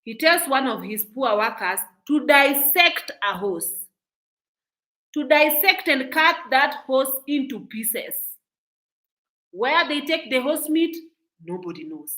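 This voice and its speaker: A woman's voice: sits high, big pitch swings, takes it slowly, bright, forceful tone, poor audio. A Kenyan woman giving outspoken, indignant reaction commentary as a vlogger, often restarting her sentences.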